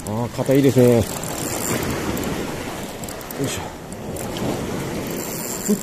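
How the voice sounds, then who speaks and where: A man's voice: medium pitch, slow pace. A man fishing from a rocky seashore, explaining his catch and lure technique to viewers in a casual running commentary, recorded on a body-worn camera. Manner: chatty, explains technique to viewers while reeling. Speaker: fishing vlogger. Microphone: body-mounted action camera. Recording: windy seaside with wave noise. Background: wind and crashing waves.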